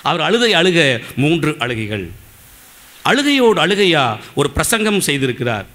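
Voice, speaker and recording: A man's voice: fairly high pitch, pushed and bright. A man with a Tamil Nadu accent preaching an emphatic sermon at a church service, repeating phrases and asking the congregation rhetorical questions.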